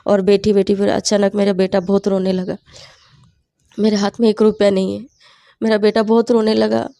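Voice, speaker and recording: Earnest woman with a creaky voice. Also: medium pitch, monotone, moderate pace, mellow, dry recording. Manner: earnest storytelling, often quoting her own prayers. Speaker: testimony speaker.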